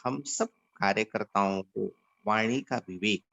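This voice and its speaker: His voice is creaky and a bit bright, and the audio is dull. The Indian organisation leader teaches volunteers with short parables, delivering them slowly and deliberately while varying his pitch widely.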